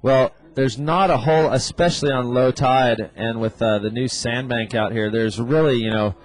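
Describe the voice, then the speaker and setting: A man's voice: medium pitch, moderate pace, rough recording. Male surf contest announcer, conversational. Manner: conversational, casual surfer slang. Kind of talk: live sports commentary, surf contest announcer.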